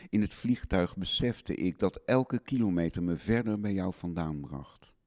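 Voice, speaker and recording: Young husband taping a letter to his wife: deep, slow, melancholy and loving. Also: warm tone. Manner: tender, longing and melancholy. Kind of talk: spoken audio letter on tape.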